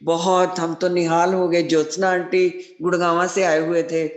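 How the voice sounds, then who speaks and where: A woman's voice: lowish voice, level tone, moderate pace. A middle-aged woman sharing a devotional testimony, earnest and devout, often repeating blessings. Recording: roomy echo.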